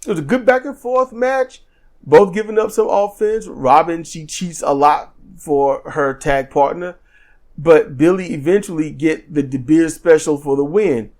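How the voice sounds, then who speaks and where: A fairly high-pitched man co-hosting a casual podcast. He talks his way through a wrestling recap in loose, rambling sentences full of ums, and he acts out quotes along the way. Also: measured pace, a little mellow. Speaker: podcast co-host. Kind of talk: casual wrestling review chat.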